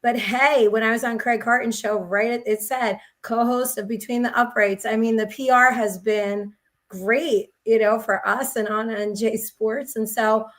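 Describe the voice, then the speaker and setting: A woman's voice: on the high side, fairly even intonation, a little slow, a bit bright. A woman sports reporter co-hosting a casual talk show, telling stories in an assertive way.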